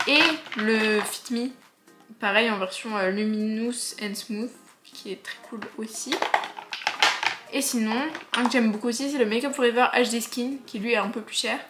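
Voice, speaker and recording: A woman's voice: fairly high pitch, fairly even intonation, normal speed. A young woman, chatting through a casual makeup tutorial with joking asides and lots of fillers. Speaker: beauty vlogger. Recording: echoey room with faint music.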